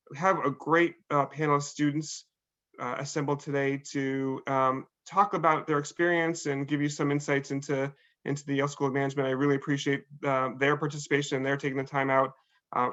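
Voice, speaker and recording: A man hosting an online admissions panel, speaking haltingly with many fillers and restarts. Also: mid-range voice, flat delivery, fairly bright tone. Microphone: video call. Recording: dull lo-fi video call audio.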